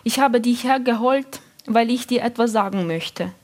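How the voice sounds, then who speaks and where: A woman's voice: a little high, normal speed, a little mellow, lightly acted. A woman voicing a very old, friendly but confused lady who talks in a cheerful, conspiratorial way in an audiobook. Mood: calm.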